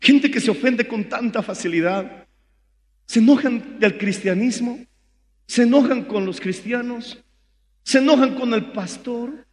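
Fervent high-voiced Bolivian preacher. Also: male voice, unhurried, in a large hall. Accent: Bolivian Spanish. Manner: fervent preaching, rising to shouts. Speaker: pastor. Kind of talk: sermon.

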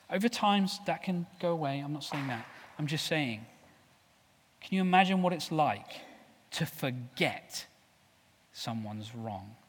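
Male preacher, slightly high voice, fervent delivery with loud and soft swings, long hall reverb. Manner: passionate, swings from loud declarations to soft low asides. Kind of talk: sermon.

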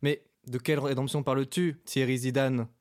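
A man's voice: mid-range voice, little pitch movement, normal speed, close to an everyday voice. Earnest schoolboy hero, slightly whiny, played by a man. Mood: earnest plaintive.

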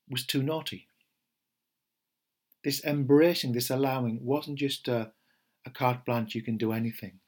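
A middle-aged man speaking in a gentle, unhurried way, like a meditation teacher talking to podcast listeners. His voice is a little husky and sits at an ordinary pitch. He pauses now and then with soft fillers and small restarts. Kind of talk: podcast talk before a guided meditation.

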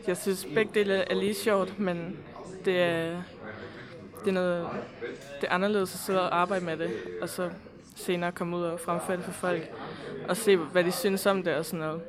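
A Danish woman, a band member, answering calmly about writing and performing songs. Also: on the low side. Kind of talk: casual interview answers. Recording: crowd chatter in the background. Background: crowd.

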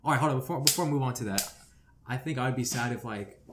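A man's voice: medium pitch, fast. A young man co-hosting a podcast, teasing his friends in loose, profane banter. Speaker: podcast co-host. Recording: audible background noise.

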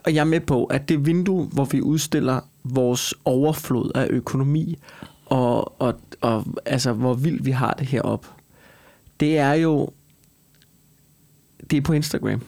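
A comedian and talk show co-host chats in a casual, argumentative way, emphatic and animated, swearing and stacking repeated phrases to drive his point home. His voice sits at a medium pitch with some vocal fry.

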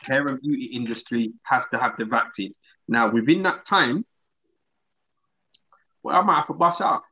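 A man's voice: medium pitch, moderate pace, sharp tone, slightly rough, dull audio. A man in a casual discussion, reasoning aloud somewhat hesitantly.

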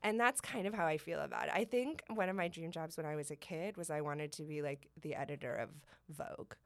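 A woman with vocal fry chatting casually and candidly as an interview guest, in an informal, rambling way peppered with "like". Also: deep voice, fairly quick, dry recording. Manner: informal, rambling, heavy use of "like". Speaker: interview guest, blogger and social media creator.

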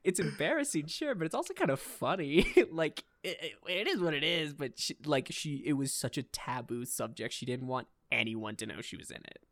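A young man in his twenties hosting a casual podcast chat, animated, laughing often and filling his talk with "like" and "dude". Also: a little high, moderate pace, few pauses, dry recording, clean studio sound. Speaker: podcast host.

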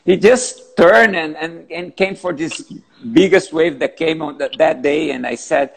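A man in his fifties, a big wave surfer, answering interview questions in halting, repetitive English, calling in from a gym. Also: on the high side, creaky. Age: 50s. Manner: halting, repeats words, non-native phrasing.

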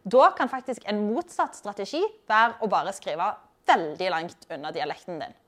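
A woman's voice: medium pitch, big pitch swings. Woman giving a friendly writing lesson. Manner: friendly, direct teaching to the listener. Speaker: host giving writing tips. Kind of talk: scripted explanatory lesson. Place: library and culture house.

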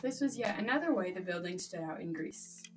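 A woman's voice: on the low side, brisk. Woman reading a school presentation. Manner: steady, reads out facts. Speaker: class presenter. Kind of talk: read-aloud school presentation. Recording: distant mic with music behind.

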